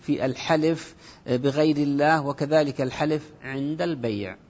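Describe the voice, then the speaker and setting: A man hosting a religious question program, formally reading out listeners' questions in a husky voice. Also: fairly high pitch, moderate pace, darkish tone. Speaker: radio program host. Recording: dull lo-fi broadcast audio.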